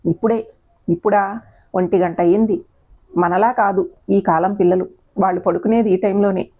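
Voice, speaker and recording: A woman voicing a gentle older mother who speaks softly and tries to persuade in an audio story. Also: medium pitch, steady tone, normal speed, dull audio, lightly acted. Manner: soft, coaxing.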